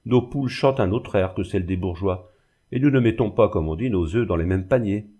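A man's voice: lowish voice, fairly quick, warm tone, slightly rough. A man voicing a sneering, boorish young man in an audiobook. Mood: cocky.

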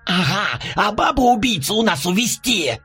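Audiobook demon, male, horned, shrill and furious, yelling accusations. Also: huge pitch swings, normal speed, breathy edge, soft background music, heavily acted. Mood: indignant shrieking. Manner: shrieking, indignant accusations.

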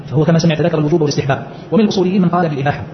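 A male teacher explains a scholarly text very quickly, his voice sitting slightly high as he poses questions and answers them himself. The muffled, lo-fi lecture recording carries a faint hiss.

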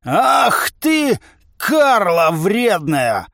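A man voicing a huge brutish male giant bully who bellows slowly and boastfully. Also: high-pitched, sing-song, dry recording, clean studio sound, pitched above the performer's own voice, heavily acted. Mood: roaring.

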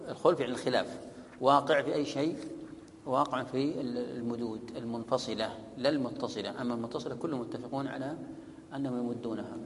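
A man with a gravelly, rough-edged voice teaches recitation rules in a long-reverb mosque hall. He reads from a text, then explains, drawing out each example word slowly and on repeat. A faint low rumble runs behind him.

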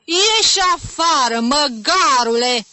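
Storybook figure: woman acting an irate middle-aged male music teacher, shrill shouted scolding, dry close sound. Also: lively intonation, dry recording. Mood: furious. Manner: shouting insults, shrill and explosive.

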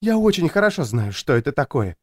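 A man voicing a frazzled, jumpy woman who feels hunted, speaking in a high, plaintive, complaining tone. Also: fairly quick, no room sound, clean studio sound, close to an everyday voice.

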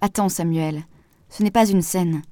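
A woman's voice: lowish voice, fairly even intonation, a little slow, mellow, no echo, lightly acted. A woman voicing an insecure, hopeful young woman in an audiobook, pleading and a little raised. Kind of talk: audiobook dialogue reading.

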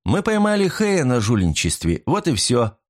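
A sharp young woman detective, voiced by a male reader accuses and commands in a raised, lively voice. The delivery is crisp and triumphant. It is heard as part of a storybook reading. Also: mid-range voice, moderate pace, pitched above the performer's own voice. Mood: sharp accusing.

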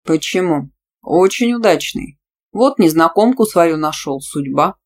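Smug pushy man, lowered voice, steady and self-assured, as a woman narrator puts him on. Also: a little slow. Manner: low, self-assured, growling at times. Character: smug, pushy male teacher, calm and domineering.

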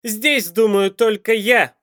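A man voicing a cruel, lecherous crime-boss duke who talks in a loud, scornful sneer. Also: high voice, very animated, brisk, no echo, studio quality, pitched above the performer's own voice.

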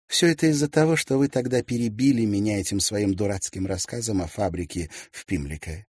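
A man voicing a spirited, quick-tongued young woman, lifting his voice high and lively. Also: breathy edge, no room sound, clean studio sound. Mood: indignant. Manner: raised, lively, teasing.

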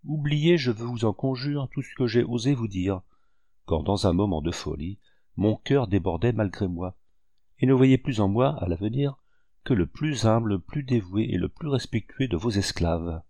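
A man's voice: on the low side, expressive, moderate pace, warm tone, no room sound. A man reading a novel aloud and voicing an earnest, humble officer who speaks with emotion. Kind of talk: audiobook reading.

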